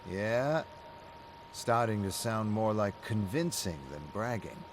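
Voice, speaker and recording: A man voicing a wry pub owner and old friend who talks calmly and teasingly. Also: on the low side, slow, a little hiss or hum. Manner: calm, teasing, needling.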